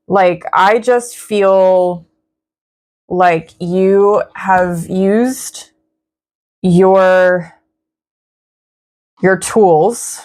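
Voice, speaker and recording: A woman's voice: lowish voice, darkish tone. A young woman giving a casual tarot reading in a reflective, encouraging way. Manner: slow, reflective, spiritual, encouraging. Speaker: tarot reader.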